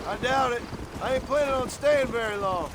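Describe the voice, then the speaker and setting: A guarded gunslinger speaks in curt, dry words with a high pitch. Faint game ambience sits behind him. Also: male voice, normal speed, background noise. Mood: terse. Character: terse, guarded gunslinger, married man.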